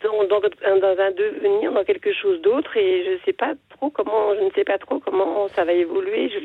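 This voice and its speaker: A woman with a sore throat talks haltingly over a tinny phone line. Her voice is husky and gravelly. She restarts her sentences often. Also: medium pitch, no echo. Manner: hesitant, many restarts. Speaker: radio guest. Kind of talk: radio discussion.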